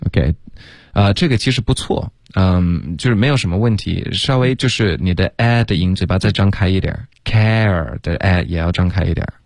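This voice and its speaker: A man coaching English pronunciation on a radio lesson, patiently correcting sounds and demonstrating them slowly. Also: low voice, vocal fry, dry recording, clean studio sound. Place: radio studio.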